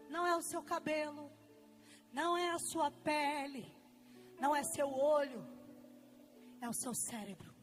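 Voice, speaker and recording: Brazilian woman preacher, very high voice, slow and impassioned delivery, faint music behind. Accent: Brazilian Portuguese. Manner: impassioned, repeats key phrases. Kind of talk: sermon.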